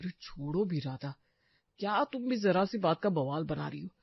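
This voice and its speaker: A woman's voice: lowish voice, animated, moderate pace, creaky, breathy edge, dry recording, muffled recording, pitched below the performer's own voice, exaggerated voice. A woman voicing an adult husband in a cartoon story, sarcastic and fed up with scolding. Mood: exasperated. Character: adult male husband, short-tempered, sarcastic.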